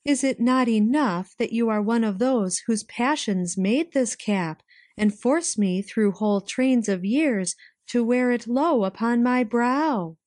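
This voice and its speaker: Woman reader doing slow solemn gentle ghost, dry close sound. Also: on the high side, dry recording, pitched above the performer's own voice. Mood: reproachful. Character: gentle, solemn spirit of the past.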